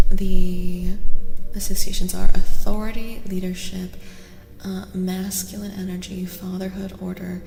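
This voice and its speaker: A woman live streamer reads tarot in a soft-spoken ASMR style, chatting gently and casually, sometimes slipping into a whisper and repeating phrases. Her voice is mid-range and gravelly. The recording has a reverberant echo, with music playing behind her.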